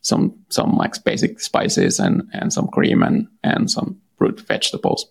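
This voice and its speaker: A Finnish man, born in Finland, speaks with a Finnish accent in a very deep, flat, creaky voice with a breathy edge, keeping a measured pace. He's a startup founder casually answering interview questions, hesitant and full of fillers and restarts.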